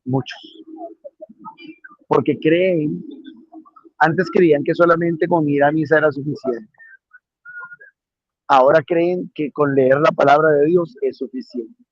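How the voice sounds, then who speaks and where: A man's voice: on the high side, steady tone, unhurried, pauses often, dry recording, dull audio. A man preaching a homily on the day's readings, earnest and repeating key phrases for emphasis.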